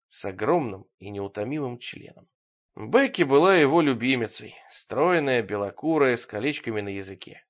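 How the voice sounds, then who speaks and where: A man narrating an audiobook with ironic, expressive storytelling. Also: medium pitch. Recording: dull lo-fi audio.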